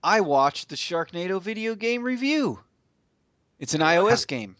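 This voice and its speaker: A man's voice: high voice, big pitch swings, moderate pace, fairly bright tone, no echo. A man co-hosting a casual podcast, blunt and swearing, often laughing. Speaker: podcast co-host. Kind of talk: casual chat.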